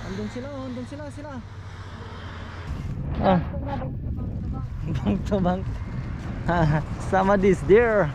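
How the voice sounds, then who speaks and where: A man's voice: sits high, lively intonation, unhurried, long pauses, background noise. A man chatting casually for his vlog outdoors in a city, mixing loose English with Tagalog and laughing often. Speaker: vlogger.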